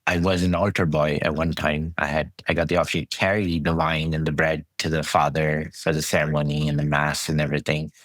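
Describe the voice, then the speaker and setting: A middle-aged man from Saudi Arabia, a podcast guest telling his story in a relaxed, conversational way with frequent restarts. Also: extremely low pitch, fast, few pauses, no echo. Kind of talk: conversational interview.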